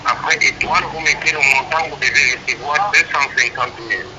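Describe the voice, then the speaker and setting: A man's voice: mid-range voice, fairly even intonation, a little fast. A man on a phone call, formal and insistent, giving step-by-step instructions and addressing the listener as monsieur. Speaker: phone scammer posing as an advisor. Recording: muffled phone line with loud noise.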